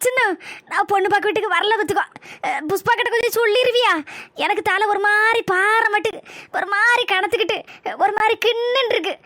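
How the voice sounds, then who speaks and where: Greedy lazy village guy, whiny rambling, high and quick, woman doing him, cartoon. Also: bright, forceful tone, dry recording, studio quality. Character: greedy lazy village man, feast-loving. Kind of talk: cartoon comedy voice acting.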